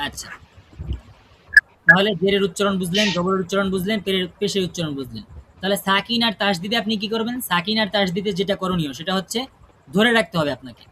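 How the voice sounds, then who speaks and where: In a classroom pronunciation lesson, a man teaches Quranic recitation, demonstrating the sounds aloud and repeatedly checking in with his students. His voice sits high, and the recording is very noisy.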